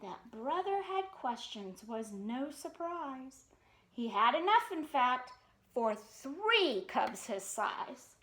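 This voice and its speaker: In an echoey room, a storytime reader with a very high, lively, sing-song voice brings a children's picture book to life expressively, with chatty asides and pauses to quiz the young listeners.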